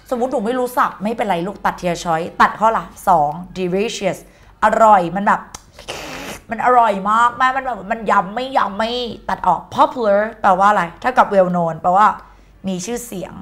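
A woman teaching an exam-prep English lesson in a chatty, playful way, mixing English words into her speech. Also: medium pitch. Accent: Thai.

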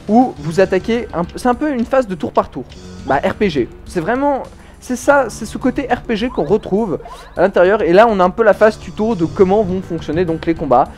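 A man's voice: high voice, darkish tone. A man giving chatty, self-mocking let's play commentary, stumbling over his words and restarting. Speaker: gaming YouTuber. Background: faint game music.

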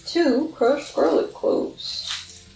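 A woman's voice: high-pitched, huge pitch swings, very slow, creaky, darkish tone, soft background music. A young woman in her twenties cooking in her home kitchen, chatting to the camera and thinking aloud in a self-deprecating way. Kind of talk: casual cooking vlog. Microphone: far camera. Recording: roomy kitchen sound from a distant camera.

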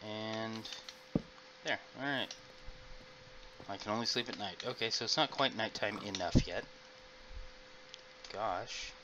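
Taking his time and pausing often, a middle-aged man with a lowish voice comments casually on the game he's playing. As a gaming video host, he rambles and chats with viewers, recorded on a noisy home microphone.

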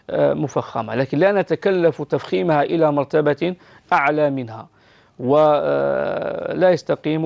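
Brief: Algerian male recitation teacher, slightly high and gravelly, patient and exacting, muffled broadcast sound. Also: a little mellow. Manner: patient, explains rules and models pronunciation. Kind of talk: correcting recitation on a call-in show.

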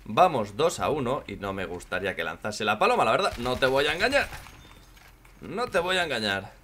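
A man from with a hoarse voice, commenting on his own gameplay in casual chat, joking and swearing a lot. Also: mid-range voice, very animated, a little fast, a little hiss or hum. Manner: swears a lot and jokes, shouts when in danger.

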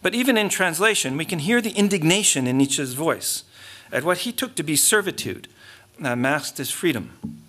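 This is a middle-aged man at a lectern, delivering a keynote academic lecture from notes in a large hall with a curtained stage, picked up by the lectern mic. His voice runs a little high, very animated, with a sharp tone. He reads in a measured way, though he frequently restarts and mutters asides.

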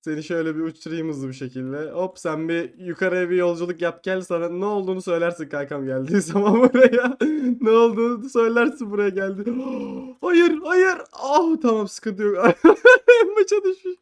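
A man giving excited gameplay commentary, who yelps and cries out when things go wrong, then drops to low muttering and teases other players in slangy banter. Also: brisk, smooth. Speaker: gamer playing an online game.

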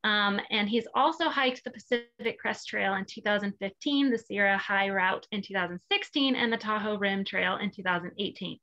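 A woman's voice: mid-range voice, normal speed, few pauses, pushed and bright, dull audio. A woman in her thirties hosting a webinar and introducing panelists, upbeat and chatty with many fillers. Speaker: webinar host.

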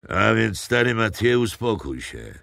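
A man's voice: fairly low pitch, sing-song, measured pace, creaky, a bit bright, no echo, clean studio sound, voice pushed up, exaggerated voice. A man reading an audiobook, voicing a young male officer who gives curt, commanding orders. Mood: stern. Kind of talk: audiobook character voice.

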